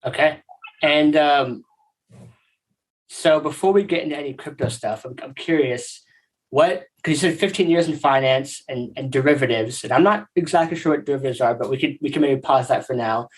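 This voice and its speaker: A man's voice: mid-range voice, moderate pace. A man in his thirties hosting a podcast interview, chatting in a friendly, upbeat, rambling way over a video call. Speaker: podcast host. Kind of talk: casual interview chat.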